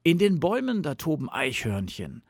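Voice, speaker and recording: A man doing a fussy, high-pitched fox. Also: huge pitch swings, moderate pace, gravelly, no room sound, clean studio sound, exaggerated voice. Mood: dreamy. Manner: raised, fussy and plaintive. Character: fretful, complaining male fox friend. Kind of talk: storybook reading.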